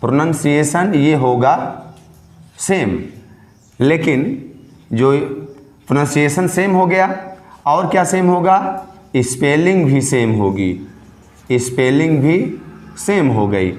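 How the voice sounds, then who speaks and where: Man teaching slowly in an echoey room. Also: fairly high pitch, a little mellow. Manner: slow, dictating English definitions word by word; explains each term, then repeats it in Hindi. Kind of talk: classroom lesson, mixing Hindi and English.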